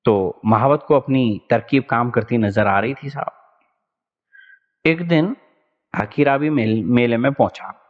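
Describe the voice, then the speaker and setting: Male teacher, animated storyteller, echoey dull-sounding room. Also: medium pitch, unhurried, long pauses. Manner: animated, chatty, laughs often. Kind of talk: storytelling in an exam-prep lesson.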